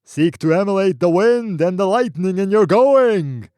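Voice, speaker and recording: A man booming as a thundering unseen spirit. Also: very animated, slow, a little mellow, no room sound, studio quality. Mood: commanding. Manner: thundering, commanding. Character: wild booming unseen male spirit, relentless.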